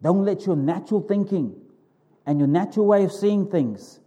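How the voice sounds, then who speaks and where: A male preacher with a soft, mellow voice pitched a little high. He delivers his sermon conversationally, speaking informally to the congregation and repeating phrases to drive them home. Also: animated, normal speed. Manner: informal, conversational, with emphatic repetition.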